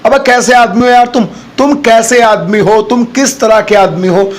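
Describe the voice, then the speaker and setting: A man teaching everyday English phrases as a spoken lesson, repeating each phrase slowly and deliberately for learners. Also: extremely high pitch.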